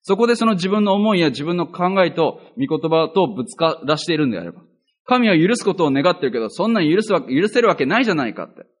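Male pastor, conversational sermon, higher voice, very animated, earnest, self-deprecating. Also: quick pace. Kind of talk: conversational Bible teaching.

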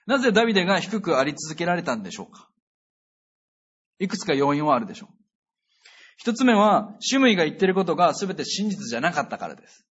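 A pastor preaching a sermon in a conversational, earnest way, with emphatic sentence endings. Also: male voice, a little high, big pitch swings, fast talker, long pauses, a bit bright, husky. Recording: dull lo-fi recording.

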